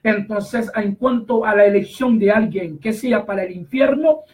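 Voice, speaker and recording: Preacher guy, high voice, keeps repeating himself, gets loud on the big words. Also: distant mic, poor audio. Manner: emphatic, repetitive, rises to shouts on key phrases; slow deliberate reading of scripture verses. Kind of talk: sermon.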